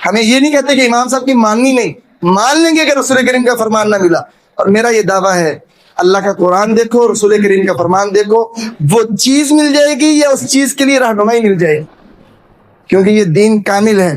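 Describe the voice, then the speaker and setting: A man preaches a Friday sermon in a high, ringing voice. He builds his points through repeated rhetorical phrases that climb to emphatic peaks. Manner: impassioned, rising to emphatic peaks; repetitive rhetorical lists.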